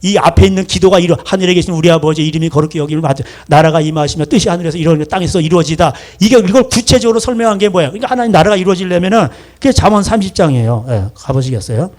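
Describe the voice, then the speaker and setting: A middle-aged male pastor delivers a sermon in a high, lively voice. He keeps turning to the congregation with rhetorical questions and slips into acted voices to make his point. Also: very fast, hardly any pauses.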